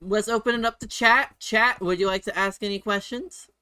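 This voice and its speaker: Man, stream host, casual interview, fairly high voice, smooth and clear, dry sound. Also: fairly even intonation, moderate pace, pushed and bright, no echo.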